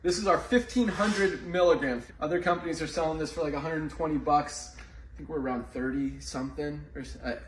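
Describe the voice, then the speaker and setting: A man with a fairly high voice gives an informal, sales-minded tour. He is recorded in a very echoey indoor space with faint noise around him. He talks like an owner casually showing off the stock. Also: a little fast. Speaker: company owner, presenter. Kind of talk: casual promotional tour talk. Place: indoor warehouse. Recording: echoey, noisy room, distant mic.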